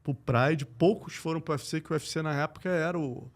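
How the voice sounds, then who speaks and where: A man's voice: fairly high pitch, fairly quick. Brazilian man telling fight stories. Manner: animated, slangy, acts out quoted voices. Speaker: MMA journalist, guest. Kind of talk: casual podcast storytelling.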